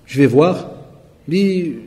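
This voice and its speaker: In his forties and Belgian, this preacher gives a sermon before a live audience, narrating stories, performing others' dialogue, and joking with those present. His slightly high, mellow voice moves slowly through the echoey hall recording.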